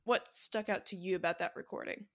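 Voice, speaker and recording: A woman's voice: mid-range voice, fairly even intonation, fairly quick, a bit bright. Chatty woman hosting a podcast. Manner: chatty, many likes and ums. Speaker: podcast host. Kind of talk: casual podcast chat.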